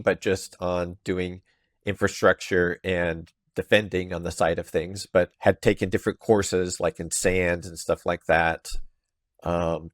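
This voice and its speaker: A man's voice: low-pitched, no room sound, studio quality. A man hosting a podcast interview, asking short questions and chiming in with agreement. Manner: brief questions and agreeing replies. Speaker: podcast host. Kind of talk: casual interview.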